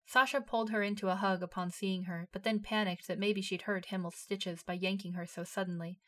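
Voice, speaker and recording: A woman reads a story aloud in a steady narrating voice. She keeps an even, unhurried storytelling manner. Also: medium pitch. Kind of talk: reading fan fiction aloud.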